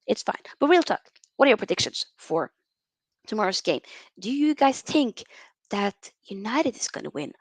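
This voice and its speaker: A woman's voice: medium pitch, sing-song, moderate pace, no echo. A young woman from Norway hosting a casual football livestream, chatting with viewers and reading out their comments. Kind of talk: casual live-stream chat with viewers.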